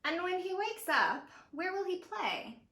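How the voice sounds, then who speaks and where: A woman's voice: extremely high pitch, sing-song, unhurried, bright, forceful tone, distant mic, voice pushed up, heavily acted. A woman voicing a practical mother from a picture book, questioning in a pointed, doubtful way. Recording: roomy echo of a home interior.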